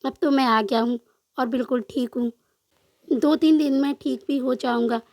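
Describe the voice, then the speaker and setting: A woman voicing a calm young male officer who soothes and gently teases in a storybook love tale. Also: high-pitched, moderate pace, no echo, clean studio sound. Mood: soothing. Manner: soft, reassuring, lightly joking. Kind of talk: storybook narration with voiced dialogue.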